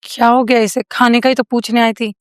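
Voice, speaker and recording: A woman's voice: on the high side, level tone, fairly quick, faint music behind, close to an everyday voice. A woman playing a worried mother who coaxes her daughter to eat in an amateur horror drama. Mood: puzzled. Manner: coaxing, fretful. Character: worried, caring middle-aged mother.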